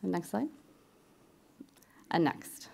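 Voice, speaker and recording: A woman's voice: on the low side, animated, slow pace, vocal fry, mellow. A woman giving a fluent, businesslike slide presentation at a conference. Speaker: programme presenter.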